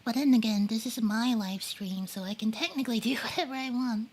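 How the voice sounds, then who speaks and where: A woman livestreamer chats casually and rambles about games while eating, reading chat messages aloud with many fillers and the odd whispered aside. Her voice is a little high and a little fast, with slight background noise.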